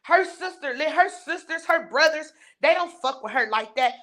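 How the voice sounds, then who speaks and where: A woman's voice: sits high, lively intonation, normal speed, fairly bright tone. A woman hosting a live stream, ranting bluntly and scornfully while reading and answering her viewers' chat. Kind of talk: heated live-stream rant.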